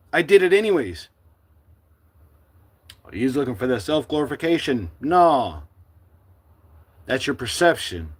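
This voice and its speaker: A middle-aged man from the United States speaking to his livestream viewers in a forceful, defiant, preachy monologue. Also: on the high side. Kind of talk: impassioned live-stream monologue.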